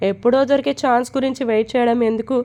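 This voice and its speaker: A woman voicing a feisty, sharp-tongued young woman in a storybook reading, sassy and defiant. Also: a little high, steady tone, racing, natural voice.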